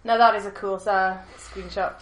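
A woman's voice: mid-range voice, fairly even intonation, moderate pace. A chatty woman talks through ideas with her co-hosts and laughs easily. Her voice sits mid-range, and the recording carries a roomy echo. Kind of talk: casual chat. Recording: echoey room.

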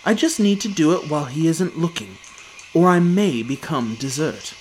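A plucky, poor young boy from a fairy tale, eager and earnest, sounding a touch higher than the reader's own voice, as the storyteller plays him. His speech has a lively rise and fall. A faint hiss sits underneath. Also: moderate pace, lightly acted.

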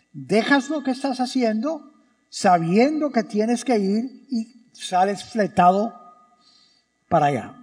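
A man's voice: sits high, a little mellow. A man, a priest, giving a Sunday homily in an emphatic way, with rhetorical questions and acted-out quotes. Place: church. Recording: reverberant church hall.

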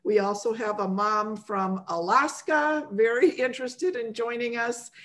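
A woman hosting an online program for mothers, welcoming listeners informally in a chatty, halting way. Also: fairly high pitch, fairly even intonation, fairly bright tone. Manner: chatty, often chuckling, halting.

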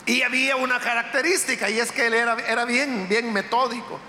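A man with a very high, sharp, bright voice preaches a sermon in a church, retelling a story in a conversational, unhurried way. The sound is roomy, with long reverb from the hall and a faint hum of ambience behind him. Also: fairly even intonation. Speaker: pastor. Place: church sanctuary.

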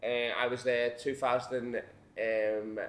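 A man's voice: mid-range voice, little pitch movement, slow pace, reverberant. A man in his twenties hosting a podcast, telling crude stories with lots of swearing and laughing. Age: 20s. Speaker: podcast host. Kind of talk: casual chat.

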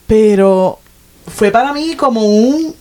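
A woman's voice: on the high side, takes it slowly. A woman, chatting animatedly as a podcast co-host, often correcting herself mid-sentence. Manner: animated, self-correcting, frequent "o sea". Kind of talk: casual chat.

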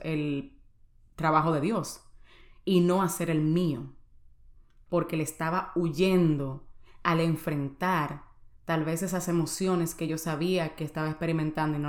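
Earnest woman, echoey room. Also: deep voice. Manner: earnest, confiding, speaks directly to the listener. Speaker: podcast host. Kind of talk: personal testimony podcast.

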